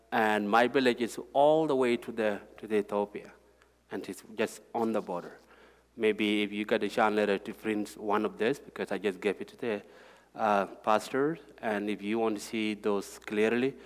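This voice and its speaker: Man speaking in an echoing hall. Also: fairly low pitch. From South Sudan. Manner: halting, repeats words, plain heartfelt. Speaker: guest speaker. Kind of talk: personal testimony talk with slides. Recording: hall reverb.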